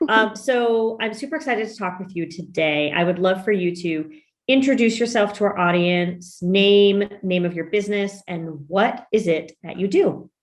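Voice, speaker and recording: A woman's voice: medium pitch, moderate pace. A woman hosting a business podcast interview, upbeat and emphatic, now and then saying "y'all". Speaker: podcast host and business coach.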